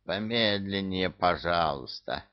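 A man voicing an ancient, enormous male demon, a wheezy, creaky old pensioner who talks slowly and plods along, in an audiobook. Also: low voice, dry recording, muffled recording. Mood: wheezy, plodding. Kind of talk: audiobook character voice.

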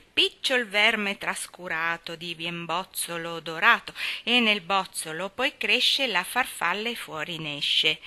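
A little boy , played by a woman reading aloud, declaims his rhyming poem slowly and with great self-importance. His storybook voice is very bright and crisp. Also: on the low side, heavily acted. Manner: solemn, self-important, measured recitation. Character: small boy solemnly reciting his poem.

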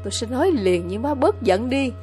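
A woman voicing an anxious, earnest young village man who speaks quietly with a shaky voice in a storybook reading. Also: on the high side, lively intonation, brisk, soft background music, natural voice. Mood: pleading.

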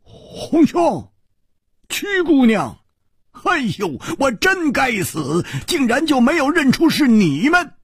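Man voicing a hot-headed young swordsman, high-pitched, shouting, husky. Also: huge pitch swings, slow pace, dry recording, studio quality, exaggerated voice. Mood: flustered. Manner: shouting, self-reproaching outbursts.

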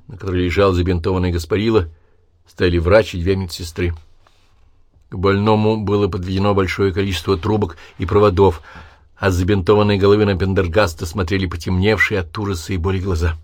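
A man with a very deep voice narrates an audiobook in a measured, even style. The recording is dry and close to the mic, with no room sound. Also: no room sound. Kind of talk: scripted narration.

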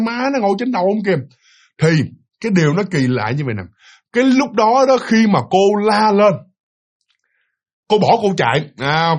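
A man with a Southern Vietnamese accent telling a ghost story in a chatty, repetitive way with asides to the listener. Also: high-pitched. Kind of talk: casual spoken ghost story.

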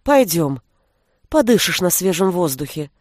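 A reader voicing a calm young woman who speaks softly and quietly, in a dry recording. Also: medium pitch, unhurried, dry recording. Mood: hushed. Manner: hushed, soft-spoken.

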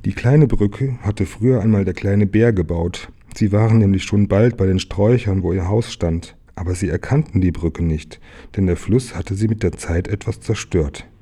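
Low, husky storybook reader. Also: male voice, normal speed, hardly any pauses, dark tone. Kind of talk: reading a children's picture book aloud.

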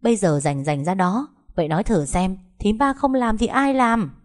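A woman voicing a scheming, sharp-tongued sister-in-law who scolds servants. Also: mid-range voice, normal speed, voice pushed up, close to an everyday voice. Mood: scolding. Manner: scolding, sneering.

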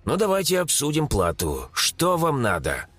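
Narrator doing a cocky young mage guy, mocking and impatient, slightly husky. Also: on the high side, huge pitch swings, fairly bright tone, dry recording, heavily acted. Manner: mocking, impatient, quick retorts. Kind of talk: audiobook character voice.

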